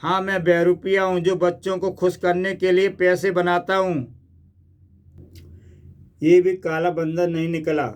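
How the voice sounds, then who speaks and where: A man's voice: sits high, flat delivery, measured pace, long pauses, smooth. A man voicing a fed-up street impersonator.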